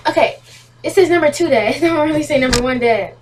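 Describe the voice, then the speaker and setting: Casual female reactor, high-pitched, slangy and stumbling, a little off-mic. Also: fast talker, far from the mic, a little hiss or hum. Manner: stammering, repeats words, slangy asides. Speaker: reaction video host. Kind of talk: casual chat reacting to a video.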